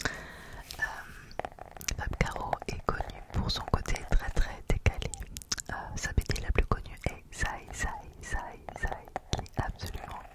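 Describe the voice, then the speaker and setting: Whispering woman in a soft ASMR book chat. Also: unhurried. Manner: soft library-style whisper throughout. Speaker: book reviewer, vlog host.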